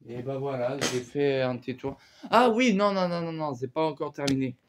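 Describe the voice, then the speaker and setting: A man's voice: medium pitch, lively intonation, normal speed, a little hiss or hum. Male vlogger, loose slangy rambling delivery, filler-heavy, casual unboxing video.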